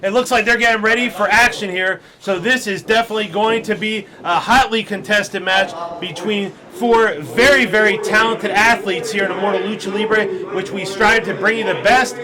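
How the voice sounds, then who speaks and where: A man's voice: high-pitched, steady tone, normal speed, hardly any pauses, crowd noise. A man doing live play-by-play commentary at a wrestling show.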